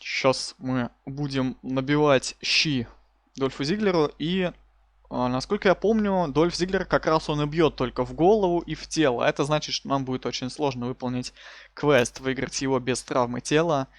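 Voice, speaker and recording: Guy streaming a game, chatting casual and slangy, average pitch, really dry sound no room. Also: normal speed, dry recording. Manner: informal, colloquial, slangy. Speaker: live streamer hosting a wrestling game stream. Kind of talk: casual gaming stream commentary.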